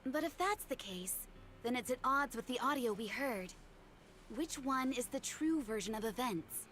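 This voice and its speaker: A woman's voice: on the high side, expressive, moderate pace, fairly bright tone, soft background music. An actress playing a skeptical young female investigator who questions the facts. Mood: doubtful.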